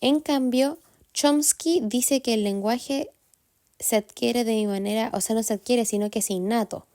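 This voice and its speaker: A Chilean woman runs through her study terms one by one, giving each a short definition and then an example. Her voice is mellow and a little high. The recording is dry, with no room echo. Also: a little slow. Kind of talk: reviewing study material.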